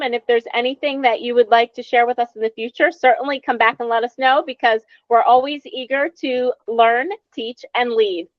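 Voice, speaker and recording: A woman's voice: high voice, no echo. A woman co-hosting an education podcast, asking questions and affirming her guest. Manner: encouraging, affirming. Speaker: podcast co-host. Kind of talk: conversational interview. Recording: dull lo-fi dry sound.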